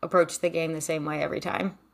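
A young woman from Maryland, a former goalkeeper, answers podcast interview questions chattily, full of "like," "um," and frequent laughs. Her voice sits low and gravelly with little pitch movement, and she talks fast.

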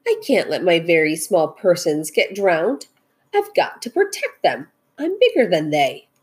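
A woman voicing a gentle, protective male elephant from a storybook, sincere and pleading in manner. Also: on the low side, very animated, measured pace, slightly rough, exaggerated voice. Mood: determined.

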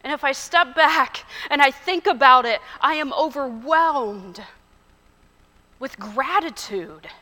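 A woman pastor preaching a sermon in a church, earnest and measured, telling stories. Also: high-pitched, pushed and bright, big-room sound. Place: church sanctuary.

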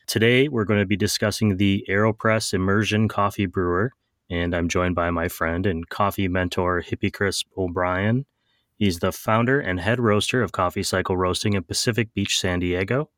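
Podcast host, male, low voice, relaxed and joking, dry close mic. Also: moderate pace, no room sound. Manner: relaxed, joking, frequent "uh" fillers. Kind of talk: casual podcast chat.

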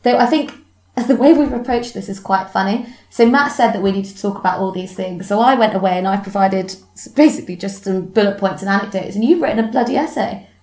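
A young woman in easy conversation, dry and teasing with a ready giggle. Her voice sits at an ordinary pitch and carries the echo of a room. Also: fast, darkish tone. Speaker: podcast co-host. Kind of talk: casual chat. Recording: echoey room.

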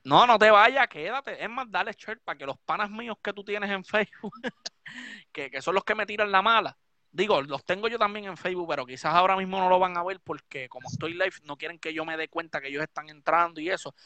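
Drunk puerto rican dj ranting on a live, cussing nonstop, bright sharp voice, dry close sound. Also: male voice, high voice, brisk, dry recording. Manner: profane, heated, repetitive ranting. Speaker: DJ and live stream host. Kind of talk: ranting live stream chat.

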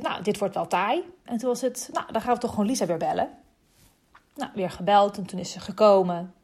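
A young woman speaking at an ordinary middle pitch for a woman. She recounts her birth story in a calm, reflective and soft-spoken way, pausing now and then to find her words. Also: husky. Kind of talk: casual personal storytelling.

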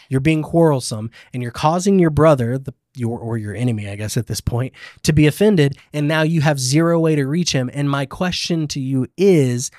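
A man's voice: on the high side, a little mellow, dry recording, clean studio sound. A man hosting a casual faith podcast, talking emphatically with fillers and restarts. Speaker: podcast host.

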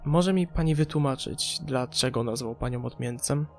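A man's voice: medium pitch, normal speed, creaky, soft background music, close to an everyday voice. A man voicing a polite, persuasive, ambitious male journalist in an audiobook.

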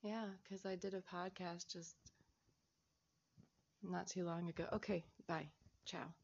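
Woman doing a low-key solo audio diary, gravelly voice, dull dry lo-fi sound. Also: fairly even intonation, measured pace. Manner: rambling, reads out lists of places and prices; half-whispered at times.

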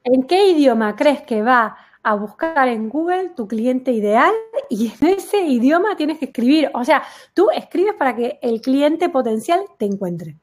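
A woman who works as an SEO consultant explains things emphatically in a casual conversation, reaching for quick everyday examples. Her voice is high-pitched with lively intonation.

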